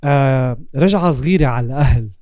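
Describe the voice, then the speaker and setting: A man's voice: medium pitch, fast talker, dark tone, dry recording. A man with a Lebanese Arabic accent hosting a reflective interview in a life-coach style, dropping English terms into his Arabic and repeating words for emphasis. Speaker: interviewer and host.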